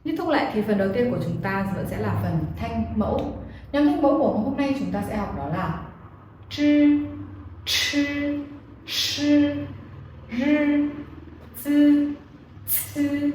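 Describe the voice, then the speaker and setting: A woman teaching Chinese pronunciation, explaining slowly and clearly and repeating model syllables for learners to copy. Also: medium pitch. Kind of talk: pronunciation lesson. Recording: very echoey room, faint noise.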